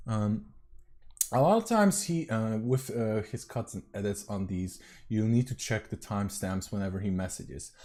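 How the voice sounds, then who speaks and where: A man hosting a casual reaction commentary, talking between bites, often coughing and clearing his throat. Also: on the low side, normal speed, a little mellow. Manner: talks while chewing, coughs and clears throat. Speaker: commentary host.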